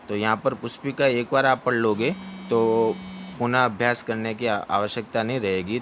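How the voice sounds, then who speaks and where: A man teaching how to pronounce a Sanskrit chapter ending, drilling each syllable slowly and chanting it back. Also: medium pitch, slight background noise. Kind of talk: pronunciation lesson.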